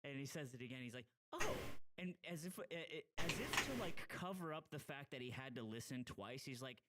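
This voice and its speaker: A man's voice: mid-range voice, a little fast, very noisy. A man in casual chat, joking and teasing his friends and swearing freely.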